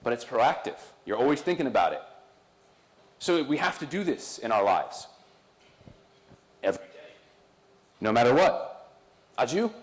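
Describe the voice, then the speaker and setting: A man's voice: medium pitch, big pitch swings, a little slow, long pauses. A man giving a conversational sermon, joking with the congregation as he introduces guests. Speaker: pastor.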